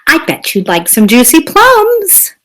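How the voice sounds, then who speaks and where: A woman's voice: sits high, wildly swooping pitch, a little slow, a bit bright, pitched above the performer's own voice, heavily acted. A woman reading aloud and voicing a cheerful piranha who keeps offering fruit to his friends. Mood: coaxing. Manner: upbeat, coaxing.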